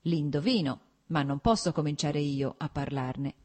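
A woman reads aloud as an agitated young nobleman in love, pleading earnestly and urgently. Her voice stays low and mellow with a faint huskiness, and her pace is measured.

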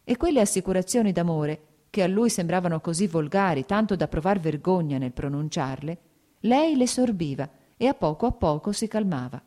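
Low, mellow woman narrating an audiobook. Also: animated, normal speed.

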